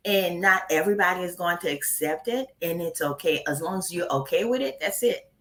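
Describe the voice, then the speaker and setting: A woman from Haiti talks candidly in a casual interview, blunt and quick to laugh. Her voice sits low but sounds bright and forward. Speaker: guest.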